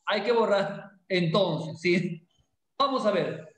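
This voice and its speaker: Animated teacher, slow and lively. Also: male voice, sits high, echoey room, low-quality recording. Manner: playful, animated teacherly questioning. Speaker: English teacher. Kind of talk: classroom lesson.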